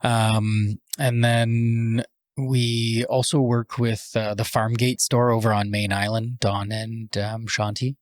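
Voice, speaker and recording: A Canadian man who owns a cafe and roasts coffee, talking casually in a podcast interview and pausing often with fillers. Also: mid-range voice, flat delivery, dry recording, clean studio sound. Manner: hesitant, frequent "um" fillers.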